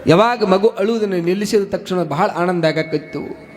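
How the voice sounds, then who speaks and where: A man preaching in a storytelling manner with a North Karnataka Kannada accent. His voice sits very high for a man. He repeats key phrases and turns to the audience with rhetorical questions. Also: normal speed. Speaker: religious preacher. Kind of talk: devotional storytelling sermon.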